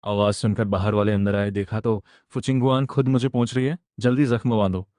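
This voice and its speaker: A man tells a story recap in the first person, keeping a steady and even delivery. His voice sits on the low side. The close voice-over mic gives a dry sound with no room to it. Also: a little fast, no room sound. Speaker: recap narrator.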